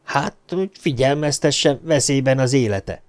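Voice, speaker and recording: A man reading an audiobook, voicing a composed, elegant man who speaks with calm, measured authority. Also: medium pitch, pitched above the performer's own voice, natural voice. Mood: cool.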